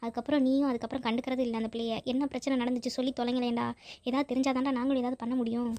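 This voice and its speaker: A woman voicing a worried, scolding elderly grandmother in a cartoon, speaking in rapid nagging questions. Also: high-pitched, little pitch movement, dark tone, no room sound, lightly acted. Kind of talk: Tamil cartoon voice acting.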